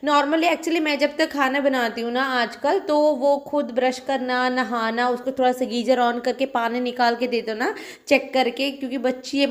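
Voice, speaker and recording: A young woman with an Indian accent, chatting casually in a home vlog and mixing English phrases into her talk. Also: a little high. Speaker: vlogger and mother.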